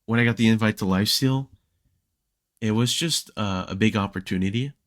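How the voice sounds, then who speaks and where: A young man talking as a podcast guest, telling stories in a relaxed way with lots of fillers and restarts. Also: lowish voice, fairly quick, no echo, clean studio sound. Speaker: podcast guest, Minecraft creator. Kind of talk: casual podcast chat.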